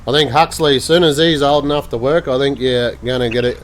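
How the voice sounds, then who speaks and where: Australian man with a mid-pitched voice. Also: fairly quick. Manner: blokey, slangy. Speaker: podcast host. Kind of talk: casual chat.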